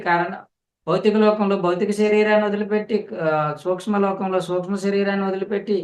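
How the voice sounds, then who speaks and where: A man leads a spiritual discourse as the teacher. His voice sits a little high, and he speaks straight to his listeners, repeating phrases to drive each point home. The recording carries a noticeable room echo. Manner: explains slowly with repetition; addresses listeners directly.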